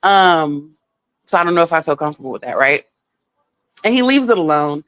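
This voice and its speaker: A woman's voice: low voice, lively intonation, brisk, a bit bright, no room sound. A woman telling a personal story in a casual vlog, candid and heavily profane, full of filler words.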